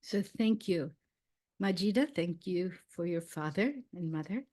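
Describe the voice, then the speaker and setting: An older woman storyteller speaking slowly and reflectively, with frequent pauses and soft fillers. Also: on the low side. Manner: slow, thoughtful, with many pauses and fillers.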